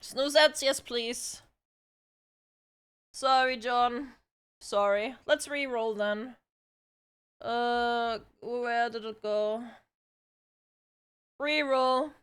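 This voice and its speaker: A woman streamer chats casually with her live viewers in a high, bright voice that stays clean and smooth. She takes her time and keeps the tone bubbly and talkative, breaking now and then into loud calls. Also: extremely slow, long pauses. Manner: bubbly, chatty with viewers, bursts of shouting and laughing.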